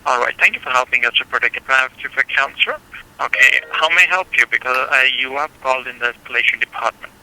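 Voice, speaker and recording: A man's voice: medium pitch, quick pace, bright, forceful tone, a little hiss or hum. A man with an Indian accent working as a call center agent, speaking politely and formally by the book over the phone. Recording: tinny telephone line.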